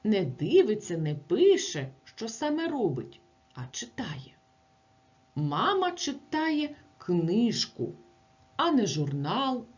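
A woman teacher works through grammar by asking short questions and answering them herself. She speaks slowly, and her pitch swings widely from word to word. The recording is muffled and lo-fi. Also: big pitch swings, a little mellow.

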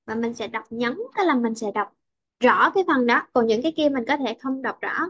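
A woman's voice: fairly high pitch, fairly quick, a bit bright, no room sound, highs cut off. A woman English teacher with a Vietnamese accent, patiently explaining word and sentence stress in an online lesson.

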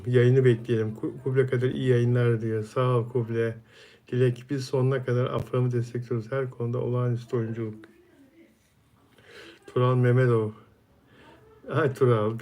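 A man's voice: mid-range voice, warm tone. A man hosting a casual live stream, reading viewer comments aloud and answering each viewer by name in a friendly, chatty way.

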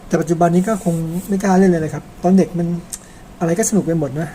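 A Thai man narrates an old epic as a storyteller, chatty and casual, ending sentences with polite particles and adding personal asides. His voice sits high with fairly even intonation, fast and mellow, over slight background noise.

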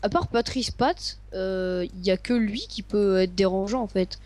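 A woman chatting casually while playing a game with a friend, excitable and playful, dropping in English gaming slang. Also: medium pitch, moderate pace. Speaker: gamer co-host. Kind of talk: casual gameplay commentary.

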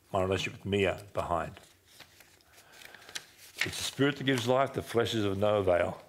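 A man in his sixties, a pastor, seated on a dim church stage with a headset mic, telling a personal story in a conversational sermon and often dropping his voice low for emphasis. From Australia. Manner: conversational, animated gestures, drops low for emphasis.

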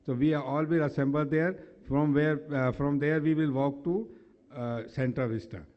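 A man with a North Indian accent hosts a conference session in a slightly high-pitched voice. He speaks politely and formally, with hesitations and repeated phrases. The sound is dull, like a hall public-address recording. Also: fairly even intonation, normal speed. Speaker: convention session host. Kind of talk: formal announcements at a conference, partly off the cuff. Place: large indoor hotel conference hall.

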